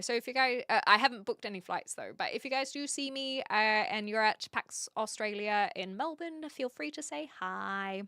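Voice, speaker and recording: On a dry, studio-quality recording, a Hamilton woman with a gentle New Zealand accent banters with her stream viewers, answering their comments and poking fun at herself. Her pitch is on the high side and her tone fairly bright.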